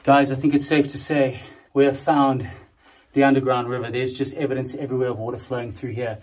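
A man in his thirties, vlogging with a phone at arm's length as he explores mountain caves, talking excitedly. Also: mid-range voice, a little fast, dry recording. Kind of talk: casual adventure vlog. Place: outdoors on a mountain and inside rock caves. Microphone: phone camera at arm's length.

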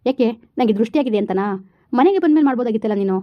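A woman's voice: on the high side, lively intonation, very fast, dry recording, close to an everyday voice. A woman playing a whiny pleading son. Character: young man pleading with his angry mother. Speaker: actor in a village comedy drama series. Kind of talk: rural comedy drama acting. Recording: dry, dull lo-fi recording.

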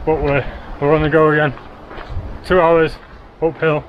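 A man's voice: a little high, level tone, normal speed, dull audio, noisy background. A man in his thirties vlogging to a handheld camera outdoors on a mountain trail, upbeat and a bit out of breath. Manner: breathless, cheerful, upbeat commentary while hiking. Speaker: travel vlogger. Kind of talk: casual vlog narration to camera. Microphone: action camera held at arm's length.

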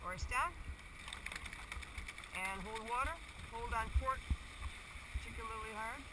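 Female coxswain, high voice, slow clipped counts and calls while rowing, noisy outdoor boat recording. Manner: short, clipped counted commands. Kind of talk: calling commands while rowing. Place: open boat out on a lake. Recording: loud water, wind and boat noise.

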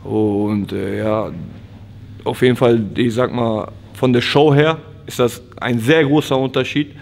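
A man's voice: mid-range voice, unhurried, gravelly, a little hiss or hum. A man in his twenties, an MMA fighter, talking casually in an interview, with lots of fillers and restarts. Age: 20s. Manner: relaxed, frequent fillers and restarts. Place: training gym, indoors.

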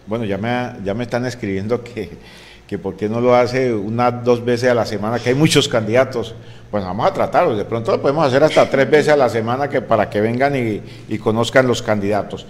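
A man's voice: mid-range voice, brisk, slight background noise. A middle-aged man hosting a studio interview, rambling and repeating words into a desk mic. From Colombia. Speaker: radio host. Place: small radio studio.

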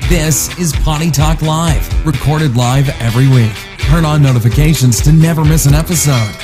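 A man's voice: on the high side, moderate pace. A man giving a scripted show introduction as the announcer. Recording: voice-over over guitar music.

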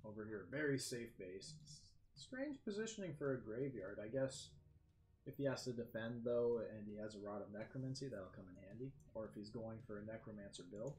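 A man commentating a strategy game match, lively play-by-play that jumps up in excitement. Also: on the low side, fairly quick. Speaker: game caster. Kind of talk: esports commentary. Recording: echoey room with faint background noise.

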